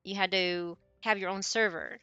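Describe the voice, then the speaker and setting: A woman's voice: mid-range voice, steady tone, normal speed, pushed and bright, clean tone, dry recording, dull audio. A woman in her forties, chatting casually with viewers on her stream, rambling and often correcting herself mid-sentence. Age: 40s.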